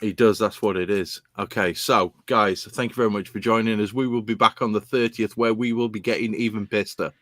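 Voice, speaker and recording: A man's voice: lowish voice, fairly even intonation, a little fast, hardly any pauses, fairly bright tone, no echo. A man hosting a podcast live, signing off in a boisterous, rambling, sweary way. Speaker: podcast host. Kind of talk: casual chat, sweary sign-off.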